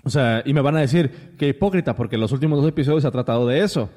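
A man's voice: medium pitch, very fast, darkish tone, big-room sound. A man with a Mexican accent hosting a casual podcast chat, rambling with many restarts and fillers. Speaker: podcast host.

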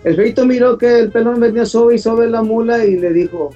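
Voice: mid-range voice, fairly even intonation, a little fast, dark tone, recorded from a distance, muffled recording, soft background music. A caller telling a joke in a recorded voice message, storytelling with relish. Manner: storytelling, laughs at own joke.

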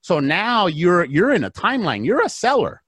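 A man talking through deals as a podcast guest, swinging from hushed asides to emphatic bursts. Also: high-pitched, sing-song, normal speed, breathy edge, no room sound. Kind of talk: casual podcast talk. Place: Arizona.

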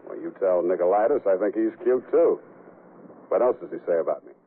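A man's voice: sits low, expressive, a little fast, phone-quality sound, a little hiss or hum. An actor playing a wisecracking, hard-boiled male private eye in a 1940s radio drama, with dry, sardonic delivery and old radio broadcast sound.

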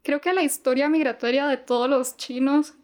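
High-voiced young woman. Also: steady tone, moderate pace. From Costa Rica. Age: young adult. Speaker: podcast guest, Mandarin teacher. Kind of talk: casual podcast chat.

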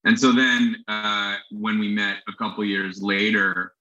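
A man guest telling a story in a casual chat, halting with many fillers. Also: lowish voice, flat delivery, pushed and bright. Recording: dull lo-fi sound.

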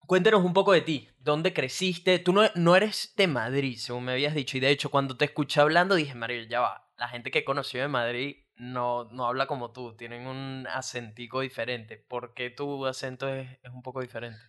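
A man's voice: medium pitch, moderate pace, few pauses. A man with a Venezuelan accent hosting a casual podcast interview, chatting loosely and full of slang fillers. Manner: relaxed slangy banter, frequent filler "marico". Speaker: podcast host.

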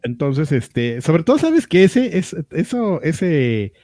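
A man's voice: fairly high pitch, big pitch swings, slow pace, warm tone, no echo, studio quality. A man with a Mexican accent co-hosting a podcast in casual, slangy, hesitant chat. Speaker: podcast co-host.

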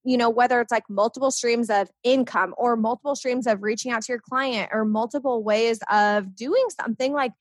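A young woman in casual conversation, upbeat and animated, talking with lots of fillers. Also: fairly high pitch, brisk, hardly any pauses, no echo. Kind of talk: casual chat.

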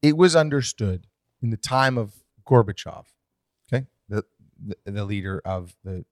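A man co-hosting a casual podcast chat, explaining current events in an animated, swinging way. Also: on the low side, normal speed, dry recording, clean studio sound. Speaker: podcast co-host.

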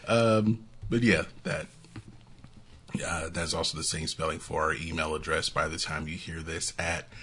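A man with a very deep, slightly husky voice co-hosts a casual podcast. He chats loosely, with fillers and frequent laughter, running through plugs and music news. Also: fairly even intonation, normal speed, fairly bright tone. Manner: chatty, laughs often, fillers. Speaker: podcast co-host.

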